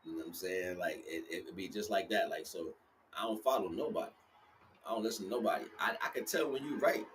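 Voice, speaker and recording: This man's voice sits low and moves fast, a bit bright, with a little hiss or hum in the audio. He's hosting a livestream outside, giving an informal, freeform spiritual talk full of repetition and frequent check-ins with listeners.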